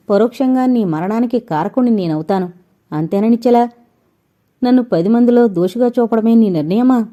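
A sharp-tongued young man, as a woman narrator reads him, scolding in a mellow, relaxed voice with open sarcasm. He speaks in a storybook audio novel. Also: a little high, muffled recording, natural voice.

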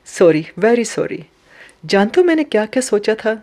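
A woman's voice: a little high, sing-song, dark tone. A woman voicing a proud but wounded young woman who pleads emotionally with a friend. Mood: bittersweet. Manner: emotional, impassioned questioning.

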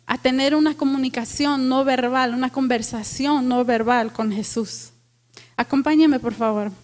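A woman pastor preaching a lively sermon to a congregation, asking them questions and dropping in English phrases. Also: high-pitched. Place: church with congregation.

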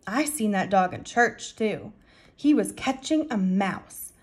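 A woman's voice: medium pitch, expressive, takes it slowly, breathy edge. A woman voicing a solemn, chatty five-year-old girl, childlike and serious, in a storybook. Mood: wide-eyed, earnest.

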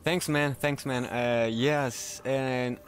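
A man streaming a game in casual chat, speaking careful non-native English, halting and self-correcting, laughing often. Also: medium pitch, steady tone, a little hiss or hum.

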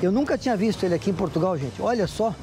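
A Brazilian man in his sixties hosts a travel segment for TV, his high-pitched voice lively and rapid-fire. He narrates effusively, full of exclamations, calling out to viewers as he tours a museum crypt and a city street for his vlog.

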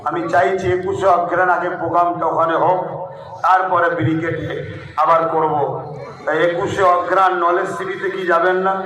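A man's voice: high voice, little pitch movement, moderate pace, noisy background. A man with a West Bengal accent giving a rousing religious rally speech, exhorting the crowd and asking it to respond. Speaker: religious leader addressing a rally. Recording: very echoey distant PA with crowd.

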